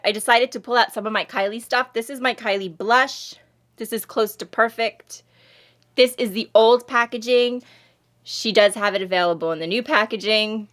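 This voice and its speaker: An American beauty vlogger with a Long Island, New York accent chats casually through makeup reviews, rambling and poking fun at herself. Her mid-range voice is a bit bright, and she sounds a little sniffly from allergies.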